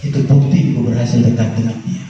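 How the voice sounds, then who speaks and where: A man's voice: mid-range voice, fairly even intonation, fast, mellow, slight background noise. A man preaching a humorous sermon to mothers, playful and teasing, often putting questions to the audience. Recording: echoey hall, distant and dull mic.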